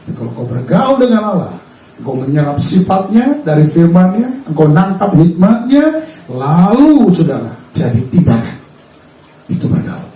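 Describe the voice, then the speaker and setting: A man's voice: fairly high pitch, mellow, a little hiss or hum. A male pastor preaching a sermon, emphatic and full of rhetorical questions, recorded from a distance in a church hall. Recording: roomy hall sound from far off.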